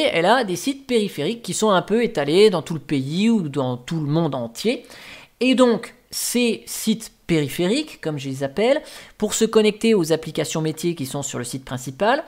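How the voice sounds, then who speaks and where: A man explaining networking concepts to viewers, pointing through a diagram piece by piece. His delivery is patient and methodical, with relaxed, self-mocking asides. He sounds like a tutorial host talking straight to his regular audience. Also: a little high. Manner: patient, step-by-step teaching with casual asides. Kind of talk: explaining a tech topic over diagrams.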